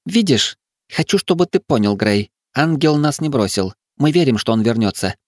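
In a dry, studio-quality recording, a man voices Tara, an earnest and devoted young woman, pitching above his natural voice. His delivery is animated, medium in pitch, and moderately paced.

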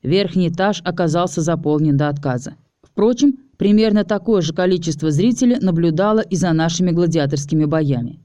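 A man reads a first-person fantasy story aloud, wry and steady. His voice is mellow and warm-toned, and the recording is dry and close. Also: a little high, a little fast, no room sound. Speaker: audiobook narrator.

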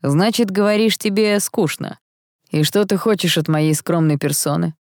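A woman's voice: on the low side, normal speed, darkish tone, no echo, clean studio sound, lightly acted. A woman voicing a sarcastic, haughty nineteen-year-old half-angel man in an audiobook, with a mocking, flippant manner.

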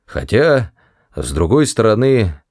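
A man voicing a dim-witted, hulking young male alien guard in an audiobook, with a low, slow, dull mumble. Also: sing-song, a little mellow.

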